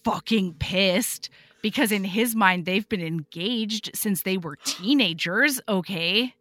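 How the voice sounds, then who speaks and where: A woman guest on a podcast speaks slowly in a mid-range voice with no room sound. She chats casually and animatedly, swearing freely as she retells stories and acting out book characters.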